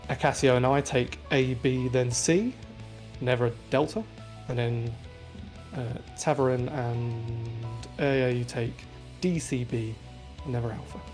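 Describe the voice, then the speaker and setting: Man, group voice chat, raid leader, methodical step-by-step calls, mid pitch, faint music behind. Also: fairly even intonation, unhurried, darkish tone. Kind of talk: explaining raid positions.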